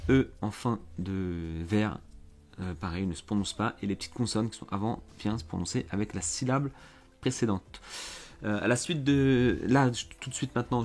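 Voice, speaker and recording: A man teaching a lesson online, explaining step by step in a patient way, often pausing with fillers and restarting phrases. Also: on the low side, a little mellow. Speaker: French teacher.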